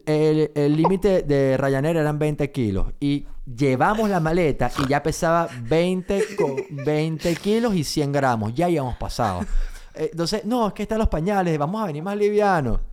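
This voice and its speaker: A man's voice: on the high side, lively intonation, normal speed, darkish tone. A man in his thirties co-hosting a casual podcast, teasing and joking while defending himself. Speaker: podcast co-host. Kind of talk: casual chat.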